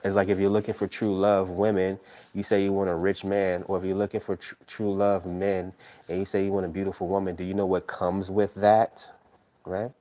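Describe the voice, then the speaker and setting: A man's voice: sits low, little pitch movement, a little fast, dark tone, dull audio. A man in his thirties hosting a tarot live stream, rambling casually and tagging his points with "right?". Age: 30s. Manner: rambling, tags sentences with "right?".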